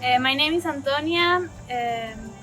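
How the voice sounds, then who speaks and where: A woman's voice: high voice, a little slow, bright, forceful tone, faint music behind, low-quality recording. Shy young woman from Chile. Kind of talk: documentary interview.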